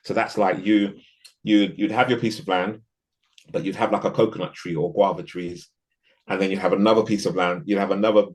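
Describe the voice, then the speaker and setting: A man's voice: deep voice, fairly even intonation, fairly quick, husky. A man from the UK, a podcast guest talking in a casual interview, reflective and thinking aloud with frequent restarts.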